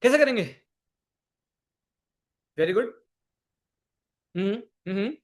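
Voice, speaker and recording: A man with a fairly high-pitched voice runs a live online coding class. He mixes English programming terms into his Hindi. He repeats phrases and keeps quizzing his students. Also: expressive, slow pace. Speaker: programming instructor.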